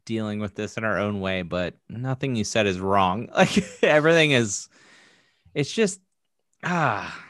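Lively, hesitant male podcast co-host. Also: on the low side, a little slow, no room sound, clean studio sound. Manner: hesitant, restarting, emphatic. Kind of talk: casual political chat.

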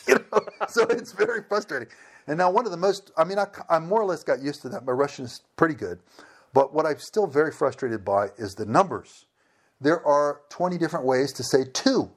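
A man's voice: on the high side, brisk. A man casually telling a funny anecdote, acting out both sides of a conversation and laughing along. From United States. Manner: animated, acts out dialogue with laughs. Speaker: storyteller.

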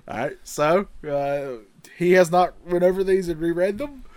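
A man's voice: high voice, moderate pace, a little mellow, no room sound. A man chatting casually as a podcast co-host, bantering his way through a quiz.

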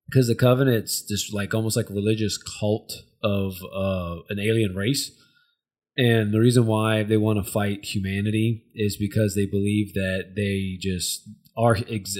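Casting: American man, fairly deep, casual host who rambles and hesitates through a recap. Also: darkish tone. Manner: rambling, hesitant, searching for words. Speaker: podcast host. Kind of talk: casual discussion and episode recap.

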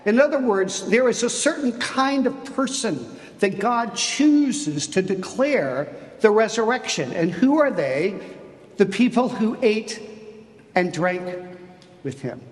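A man preaching an Easter sermon as a bishop, deliberate and emphatic, with dramatic pauses. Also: high voice. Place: cathedral. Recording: long cathedral reverb.

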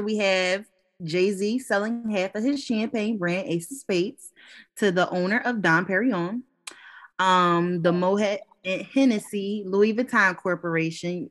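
A woman with a medium-pitched voice co-hosts a laid-back podcast chat. She's lively and quick to laugh, breaking into exclamations between steadier stretches of explanation.

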